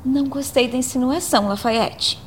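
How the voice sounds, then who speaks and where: A woman's voice: high voice, moderate pace, lightly acted. A woman playing a stern, bossy politician's wife, scolding and imperious, in a radio soap opera. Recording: faint background noise.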